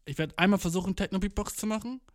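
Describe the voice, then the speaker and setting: A man's voice: high-pitched, fast talker, dry recording, clean studio sound. A young man telling a rambling comic story in a slangy, swearing manner, dropping English phrases and acting out quotes. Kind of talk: rambling comedic monologue.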